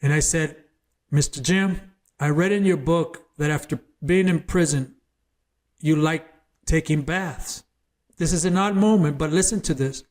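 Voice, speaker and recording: A man's voice: a little high, a little slow, a little mellow. A man who is a former gang member, a guest on an interview show, tells his personal testimony as a story, earnest and emphatic, often repeating words as he builds up.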